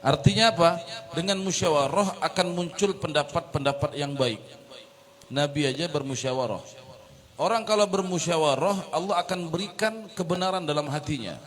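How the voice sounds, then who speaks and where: Man retelling a sermon in a reverberant hall. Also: a little high. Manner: storytelling, lively, explains with asides. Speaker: interpreter. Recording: long reverb of a large hall.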